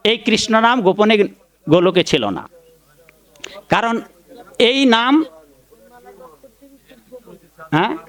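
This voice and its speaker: A man's voice: high voice, expressive, takes it slowly, long pauses, fairly bright tone. A man giving a devotional sermon, preaching emphatically, chanting mantras and fondly addressing his listeners while scolding critics. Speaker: Vaishnava preacher giving a Bhagavat discourse.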